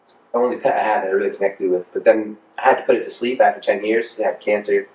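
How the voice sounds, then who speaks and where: Speaking fast in a fairly low, mellow voice with fairly even intonation, this American man from Rhode Island, in his thirties, rambles in slangy, informal interview chat about his work as a music producer. The mic is distant, leaving a roomy, echoing sound.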